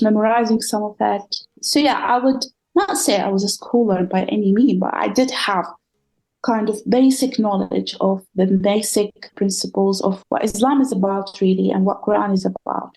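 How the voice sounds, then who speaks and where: A woman's voice: medium pitch, mellow, low-quality recording. A woman whose first language is Arabic, raised in the Gulf of Palestinian family, telling her faith story as a podcast guest in an earnest, reflective way with some hesitations. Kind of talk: personal testimony interview.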